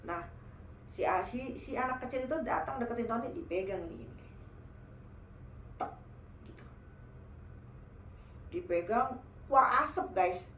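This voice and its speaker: An animated woman tells a horror story in casual chat, her voice sitting fairly high and talking straight to her listeners. The room around her is echoey, with faint background noise underneath. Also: normal speed, long pauses. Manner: animated, addresses listeners as guys.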